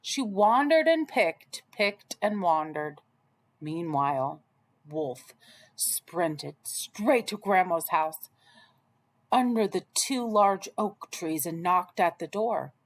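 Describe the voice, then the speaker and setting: A female storyteller reads a children's tale aloud in an expressive style, moving at a slow pace. She lingers over each phrase, and her pitch swings widely and animatedly.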